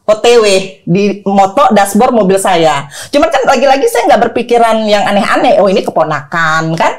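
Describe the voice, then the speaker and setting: A middle-aged woman telling her story in an interview, animated, acting out quoted dialogue. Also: medium pitch, moderate pace. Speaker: guest, wife of the accused.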